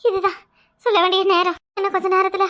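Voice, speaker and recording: Woman voicing a fading young cartoon wife, Kanyakumari Tamil accent, halting, pleading, very high voice. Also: little pitch movement, a bit bright. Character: young village wife, faint and tearful.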